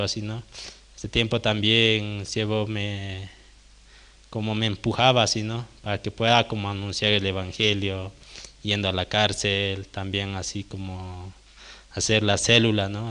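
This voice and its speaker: A man's voice: fairly low pitch, bright, forceful tone, smooth. A young man giving a personal testimony at a prayer service, hesitant and tagging nearly every phrase with a question. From Bolivia. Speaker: church member giving testimony.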